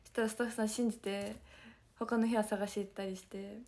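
A young woman with a hoarse voice chatting casually to fans on a livestream, talking softly and often slipping into a whisper. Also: mid-range voice, level tone, brisk. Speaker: idol group member streaming to fans.

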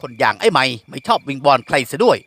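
A man voicing a rough, menacing male kidnapper who threatens slowly and quietly. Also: very animated. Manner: slow, low-voiced threats.

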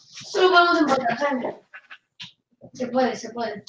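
Woman gamer, high voice, short clipped calls, distant mic in a very echoey room. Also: lively intonation, a little slow, fairly bright tone. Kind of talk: casual gaming chat.

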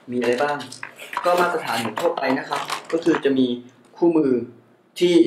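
A young man talks through an unboxing in a loose, chatty way, poking fun at his own mispronunciations. His voice sits at an ordinary middle pitch. The room around him rings with noticeable echo. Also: slight background noise. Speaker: tech reviewer unboxing a keyboard. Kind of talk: casual unboxing commentary. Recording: echoey room.

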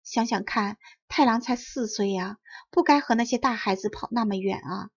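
A woman reading a children's story aloud in clear, carefully enunciated storybook narration. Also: a little high, normal speed, muffled recording. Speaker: audiobook reader.

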